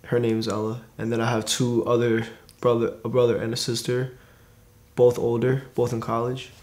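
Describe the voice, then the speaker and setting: A man's voice: medium pitch, monotone, normal speed, darkish tone. A teenage boy born in Korea, answering interview questions plainly and a little hesitantly, in a studio. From born in Korea, raised in New York. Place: studio against grey backdrop.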